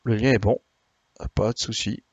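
A man streaming live, chatting casually with viewers, a bit tired, explaining slowly with many hesitations. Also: lowish voice, steady tone, breathy edge, no room sound, highs cut off. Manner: hesitant, many "euh" and restarts, friendly explaining. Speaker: Twitch streamer.

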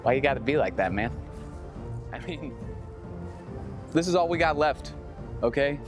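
An actor playing a brother who talks like a pirate and then pleads to stay close. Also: male voice, a little high, animated, normal speed, over music, lightly acted. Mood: hurt pleading. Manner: boisterous pirate talk, then hurt and pleading. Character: brother clinging to pirate-day tradition.

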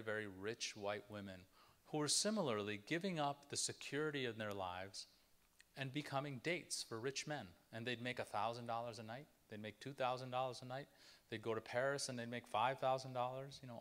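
A man's voice: mid-range voice, a bit bright. A man giving an author lecture, asking questions aloud and reflecting on the people he followed. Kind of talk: lecture with a book reading. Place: lecture hall.

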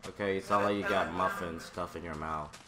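A man's voice: low-pitched, fairly even intonation, fairly quick. A man chatting casually while recording a survival game video, getting fed up with his friend. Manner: exasperated, repeatedly complaining. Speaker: gamer recording a let's play. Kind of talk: casual gaming chat. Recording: noisy home gaming mic.

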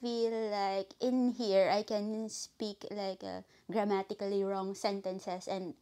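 A woman's voice: mid-range voice, level tone, slow, mellow. A woman from the Philippines with a Filipino accent, hosting a podcast and chatting thoughtfully. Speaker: podcast host. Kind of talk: casual chat.

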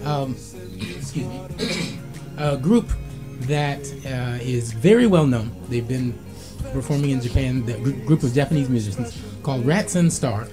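A man hosting a casual radio talk show from a small studio, relaxed and halting, with many fillers. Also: medium pitch. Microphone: studio mic with headphones. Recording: music playing in the background.

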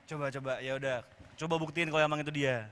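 Man playing bright-voiced sceptical young buddy. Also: fairly high pitch, steady tone, fast, slight background noise, lightly acted. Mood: doubtful. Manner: challenging, casual slang. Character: sceptical young male colleague and friend. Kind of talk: live comic skit. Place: event stage with audience. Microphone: handheld microphone.

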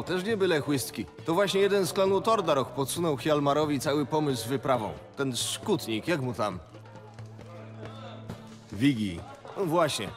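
A male actor as an earthy, middle-aged fantasy-game innkeeper. The voice is slightly high and hearty, chatting in a folksy way over clear background music. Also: lightly acted. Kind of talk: fantasy video game voice acting.

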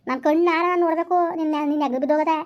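A woman acts out a fiery village wife in a comedy skit, firing off her scolding at breakneck speed. Her voice sits high, and the recording is dull and muffled. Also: close to an everyday voice. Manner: rapid furious scolding. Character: sharp-tongued village wife scolding husband. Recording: muffled lo-fi sound.

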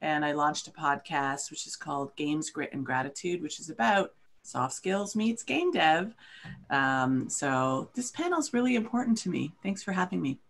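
A woman's voice: sits low, lively intonation, normal speed. A woman who coaches careers and makes indie games, introducing herself on an online panel. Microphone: video call.

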